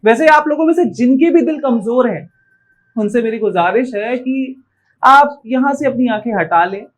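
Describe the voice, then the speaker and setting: A woman's voice: on the high side, animated, normal speed, poor audio. A woman playing a ruthless male seducer in a stage play, who gloats in sly asides to the audience. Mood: sly gloating.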